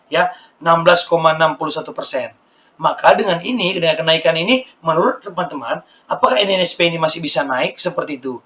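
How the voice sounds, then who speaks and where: A hoarse man walking viewers through stock charts in a casual lesson, repeating his points and calling his audience friends. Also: on the high side, fairly bright tone. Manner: repetitive, keeps addressing viewers as friends. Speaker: stock market educator. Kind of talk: screen-share stock chart walkthrough.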